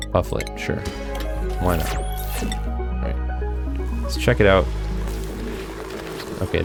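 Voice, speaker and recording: Deep-voiced man thinking aloud over gameplay. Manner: thinking aloud, talking to himself while playing. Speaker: gameplay video host. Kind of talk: casual gameplay commentary.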